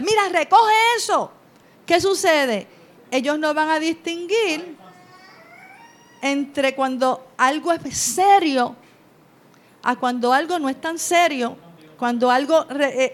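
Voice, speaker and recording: A middle-aged woman giving a conversational talk on parenting from slides, often checking in with "¿verdad?". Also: sits high. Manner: presents from slides. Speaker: parenting educator.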